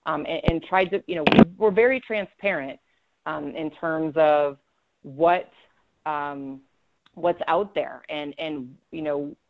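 A woman's voice: low-pitched, slow pace, slight background noise. A woman presenting a webinar as a road safety engineer, talking conversationally with frequent ums and self-corrections. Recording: slightly dull lo-fi audio.

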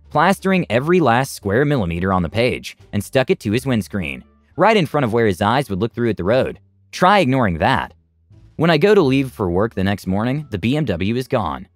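A man narrating reddit stories aloud in a lively storytelling manner. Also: dry recording. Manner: lively storytelling with big pitch swings.

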